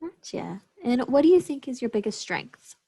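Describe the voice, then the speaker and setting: A woman conducts an interview in a somewhat high voice with a husky edge. Her pitch moves in a lively way as she asks prepared questions. Between them she gives short, casual, affirming responses. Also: normal speed. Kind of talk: scripted interview questions with brief casual reactions.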